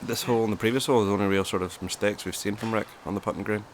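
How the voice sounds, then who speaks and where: Lowish male golf commentator. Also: steady tone, very fast, slight background noise. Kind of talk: golf-style commentary, conversational.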